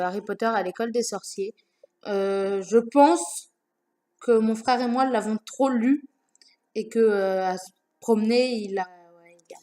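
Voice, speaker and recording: A young woman at home chats to the camera about her books, her voice medium in pitch and a little mellow. She's casual about it, full of fillers and frequent self-corrections.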